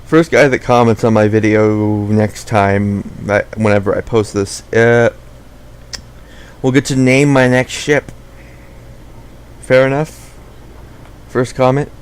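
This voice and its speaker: A man's voice: mid-range voice, steady tone, takes it slowly, pauses often, smooth. A young man giving casual, rambling gameplay commentary, often correcting himself mid-sentence. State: out of breath.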